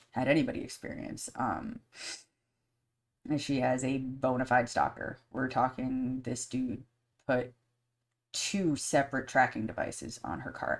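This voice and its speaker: Low-voiced, blunt, swearing woman podcaster. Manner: candid and blunt, swears freely; rambling, with many fillers. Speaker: podcast host. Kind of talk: casual live-stream podcast chat.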